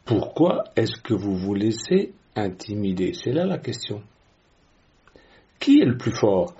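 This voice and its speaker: A man's voice: fairly low pitch, big pitch swings, slow pace, warm tone, lo-fi sound. A man preaching a sermon in a conversational way, with rhetorical questions and frequent hesitations.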